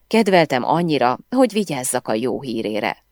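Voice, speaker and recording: A woman reading a novel aloud in first person with expressive storytelling. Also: a bass voice, no room sound, clean studio sound. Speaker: audiobook narrator. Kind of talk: scripted first-person audiobook narration.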